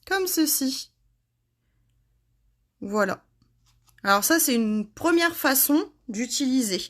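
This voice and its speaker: A woman's voice: sits high, lively intonation, slow pace, a bit bright. A woman hosting a casual craft tutorial, chatting to her viewers by name and laughing at herself.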